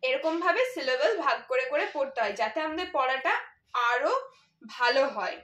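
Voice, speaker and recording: A woman's voice: sits high, expressive, moderate pace, fairly bright tone. Patient woman teacher spelling out words. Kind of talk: children's English lesson. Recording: echoey room.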